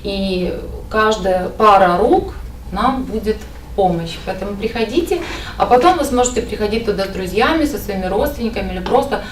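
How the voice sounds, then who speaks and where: Woman fielding press questions, steady explaining, echoey room from far off. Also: medium pitch, moderate pace, a little hiss or hum. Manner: steady, explanatory, some hesitation fillers. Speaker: party representative at a press conference. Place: indoor press conference room.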